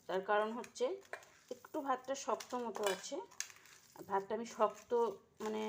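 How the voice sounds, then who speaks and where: A middle-aged woman with a slightly feverish, hoarse throat, chatting casually at home in a halting way with many fillers. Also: mid-range voice, a little hiss or hum. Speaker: vlogger. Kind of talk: casual home vlog chat. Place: home kitchen.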